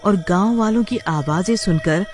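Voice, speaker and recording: A man's voice: sits high, moderate pace, darkish tone, faint music behind. A man narrating a cartoon horror story in a plain storytelling manner. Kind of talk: scripted narration.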